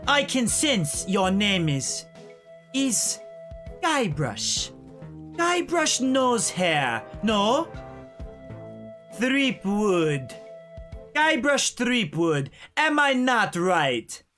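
A man voicing an ominous female fortune-teller in a put-on Jamaican accent, drawing out her prophecies slowly. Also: high-pitched, very animated, bright, forceful tone, soft background music, exaggerated voice. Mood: mysterious. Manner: slow, drawn-out prophetic delivery. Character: slow mystic fortune-teller woman, ominous.

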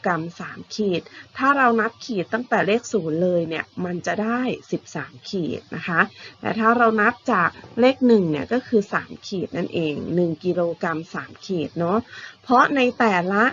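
A woman's voice: medium pitch, animated, moderate pace, fairly bright tone, lo-fi sound, slight background noise. Patient woman teaching young pupils. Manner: patient, repetitive, ending phrases with polite particles. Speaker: primary school math teacher. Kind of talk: online lesson explaining to young pupils.

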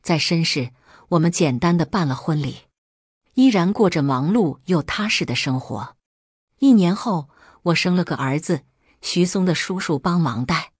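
Low, husky woman telling a story. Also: expressive, normal speed, dry recording, studio quality. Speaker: story narrator. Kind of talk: scripted first-person narration.

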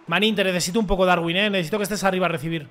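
Young gamer guy yelling at the ref, really high sharp voice, faint music behind. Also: fairly even intonation, racing. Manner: shouts and yells at the referee, swears, talks to viewers. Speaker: gaming streamer. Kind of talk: excited gameplay commentary.

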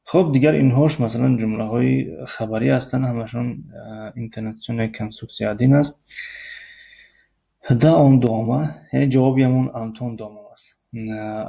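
A man with a Tajik accent teaching a casual spoken lesson, hesitating often with filler sounds and repeating example words slowly, recorded near a road. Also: mid-range voice, creaky, warm tone. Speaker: Russian language teacher. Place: near a road with passing cars. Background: car noise.

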